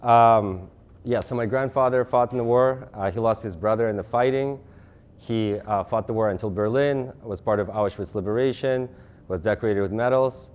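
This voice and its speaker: A man in his thirties from Russia giving a lecture presentation, talking fast, with frequent restarts and fillers. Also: fairly low pitch, a little mellow, lo-fi sound. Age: 30s. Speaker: guest speaker.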